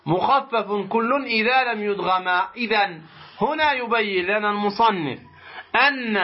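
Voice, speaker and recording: Man, tajweed teacher, high-pitched, deliberate, rhetorical questions, muffled lo-fi sound. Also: expressive, a little hiss or hum. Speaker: Quran recitation teacher. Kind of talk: tajweed lesson. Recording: muffled lo-fi recording.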